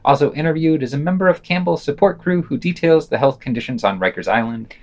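A man with a fairly high, darkish voice and quick pace presents a podcast, reading scripted reviews with dry commentary. When he reads quotations aloud, he marks them with "quote" and "unquote."

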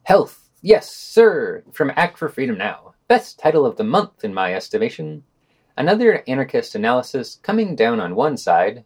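Male podcast co-host, news-roundup reader, animated intonation, dry sarcastic commentary. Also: mid-range voice. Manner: sardonic, opinionated asides between read quotes.

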